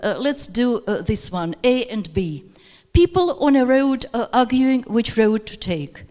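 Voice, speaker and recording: With lively intonation and a slightly slow pace, this woman's high-leaning, somewhat mellow voice carries through a seminar room. A teacher trainer and native Russian speaker, she gives a workshop lecture with frequent hesitations and fillers. Her handheld mic picks up hall reverb.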